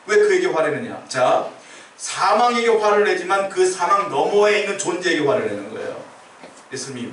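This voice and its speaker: In a church sanctuary, a male pastor with a somewhat high, slightly bright voice preaches a sermon, explaining things step by step and putting questions to the congregation. A distant mic gives a roomy church sound with a little hiss or hum.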